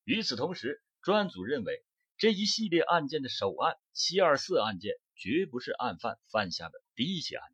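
A man reading a scripted true-crime account in a measured storytelling cadence that rises for emphasis. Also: mid-range voice, a bit bright, slightly rough, no echo. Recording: dull close-miked dry audio.

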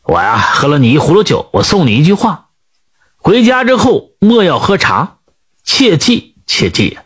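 A man voicing an odd, cryptic old male earth god who drinks wine, speaking slowly and teasingly, in a storybook tale. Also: on the high side, very animated, fairly bright tone, breathy edge, exaggerated voice. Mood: solemn warning.

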